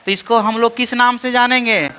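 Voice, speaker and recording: Bright-voiced male chemistry teacher. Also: very high voice, fairly even intonation, fairly quick, a faint crowd. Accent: Indian. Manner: drills students with repeated questions; teasing, scolds playfully. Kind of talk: classroom lecture.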